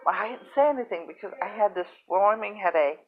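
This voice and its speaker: A woman telling a personal story in a halting, soft-spoken, emotional way. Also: medium pitch, animated. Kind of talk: casual first-person storytelling. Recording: tinny phone-like sound.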